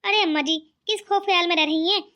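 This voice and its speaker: A woman voicing a sly, smug young daughter-in-law who flatters her mother-in-law in a cartoon. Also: extremely high pitch, fast talker. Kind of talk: cartoon voice acting.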